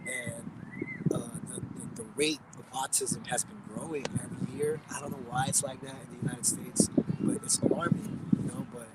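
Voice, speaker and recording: A man in his thirties, born in the Philippines and raised in Oxnard, California, chats as a guest in an outdoor interview by a bay. His mid-range voice moves at normal speed, relaxed and rambling with many fillers and restarts. Nearby traffic makes for loud street noise.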